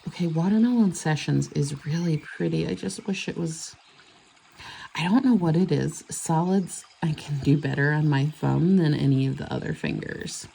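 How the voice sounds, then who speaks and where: A woman's voice: low-pitched, moderate pace, creaky, dark tone, breathy edge. A woman chatting casually and rambling as she does her nails. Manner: chatty, rambling, self-correcting. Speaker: nail vlogger. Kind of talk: casual chat while doing nails.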